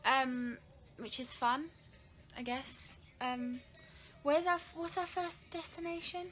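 A young woman with a light, high voice talks slowly into a handheld camera. She is chatty and giggly, poking fun at herself between thoughts. Background music runs under her throughout. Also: fairly bright tone. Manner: chatty, giggly, self-deprecating. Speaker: vlogger. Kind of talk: casual travel vlog. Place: cruise ship cabin and windy deck. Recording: music playing over the voice.

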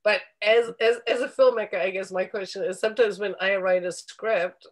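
A woman's voice: mid-range voice, steady tone, normal speed. A middle-aged woman, a filmmaker interviewing a colleague over a video call, asking rambling, eager questions with many fillers. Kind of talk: casual video-call conversation.

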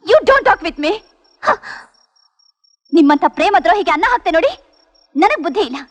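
An actress playing a young woman who feels betrayed by her lover, speaking in a sharp, reproachful way in a film scene. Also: extremely high pitch, big pitch swings, brisk. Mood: accusing. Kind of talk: film drama acting.

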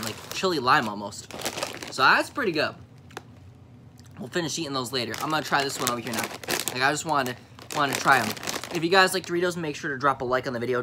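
A man's voice: on the high side, background noise. A young man vlogging a snack taste test from his home basement, talking in laid-back slang and chewing as he goes.

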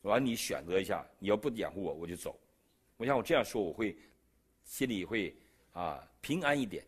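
A man's voice: brisk, breathy edge. A middle-aged man from China with a Beijing accent, telling his testimony in a sermon and acting out the dialogue. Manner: animated storyteller who jumps in pitch and loudness, acting out dialogue. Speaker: preacher giving a testimony.

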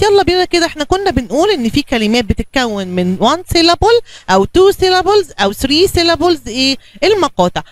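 A woman's voice: very high-pitched, dry recording. A woman with an Egyptian Arabic accent teaching young children, coaxing them along and answering her own questions. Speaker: kindergarten teacher. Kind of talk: bilingual classroom lesson for young children.

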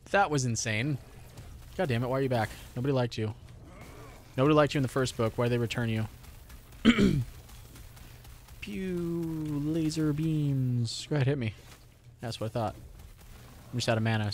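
A young man streams a game with a sore throat. He chats casually at an everyday middle pitch, swearing and rambling between comments aimed at himself and the game. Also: a little fast, pauses often, a little hiss or hum. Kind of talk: casual live gameplay commentary.

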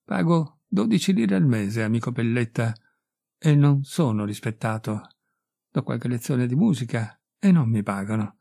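Un uomo che fa un musicista povero e amaro, brusco. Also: male voice, mid-range voice, animated, normal speed, gravelly, mellow, no echo, clean studio sound. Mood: bitter. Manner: blunt, sententious. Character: poor, bitter, bearded male musician, gruff.

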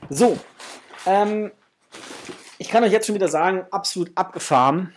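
With a high voice at a moderate pace, a middle-aged man who vlogs about toy collecting chats casually through an unboxing. He's enthusiastic, leans on superlatives, and records in a small indoor room hung with framed posters.

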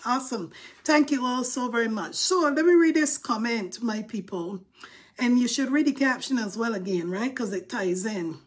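A middle-aged Barbadian-accented woman hosts a phone live stream from an indoor room, the phone held close in selfie framing. Her voice is a little high and husky at a normal pace, and she chats playfully, tossing in sassy asides.

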